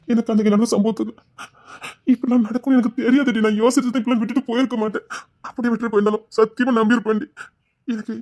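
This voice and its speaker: A man with a Tirunelveli accent playing a remorseful young husband, pleading in a hushed, tearful voice. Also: sits high, natural voice. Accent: Tirunelveli Tamil. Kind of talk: web drama acting.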